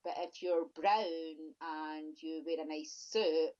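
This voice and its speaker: A woman's voice: low-pitched, fairly even intonation, slow, warm tone. A woman guest in a podcast interview, talking emphatically and often repeating and restarting her phrases. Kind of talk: conversational interview. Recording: lo-fi dull audio.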